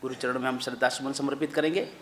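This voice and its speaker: A man's voice: medium pitch, fairly even intonation, rapid-fire, fairly bright tone. A man, a Jain monk, speaks to a congregation with a fervent and repetitive manner, addressing listeners like family. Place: large temple hall. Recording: echoey hall with long reverb.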